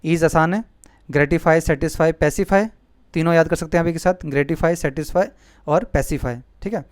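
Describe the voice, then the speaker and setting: A man with a fairly high voice gives a brisk mnemonic vocabulary lesson in a clean studio recording with no room sound. He explains memory tricks patiently, repeats words, and often checks with "ठीक है?".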